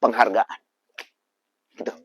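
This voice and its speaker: A man, a preacher guest telling lively, animated stories about raising children. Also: slow pace, no room sound, dull audio. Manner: animated storyteller. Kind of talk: casual religious talk.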